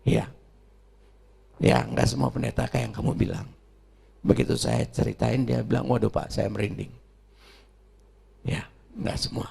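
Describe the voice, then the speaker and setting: A middle-aged male pastor preaching a sermon with personal stories, swinging between quiet asides and loud, emphatic bursts. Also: medium pitch, normal speed, long pauses. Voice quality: gravelly and raspy.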